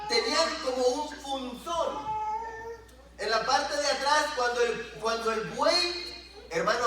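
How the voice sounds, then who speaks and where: A high-voiced pastor preaches an animated sermon, acting out dialogue with his voice rising and falling. He's recorded on a distant mic in an echoey church room, with a little hiss or hum.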